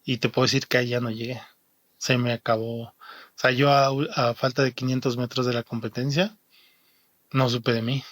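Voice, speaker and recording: Halting young man. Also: medium pitch, flat delivery, fairly bright tone, no echo. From Mexico. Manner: halting, repeats words and restarts often. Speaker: interviewed athlete. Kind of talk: personal testimony. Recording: faint music behind the voice.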